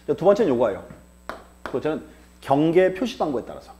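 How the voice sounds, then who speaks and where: A man's voice: fairly high pitch, very animated, quick pace, warm tone, a little hiss or hum. A male lecturer teaching an exam-prep class, asking rhetorical questions and answering them himself, repeating key terms for emphasis.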